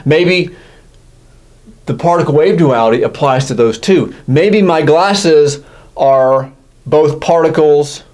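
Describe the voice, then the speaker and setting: A man teaching physics in a casual, self-correcting lecture style, often checking in with "right?". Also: a little high. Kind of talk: classroom lecture.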